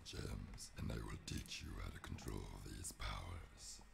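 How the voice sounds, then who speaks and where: An actor playing a solemn ancient male oracle spirit in a video game, making slow, commanding pronouncements in a deep gravelly voice. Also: fairly even intonation, noisy background, exaggerated voice. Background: game music.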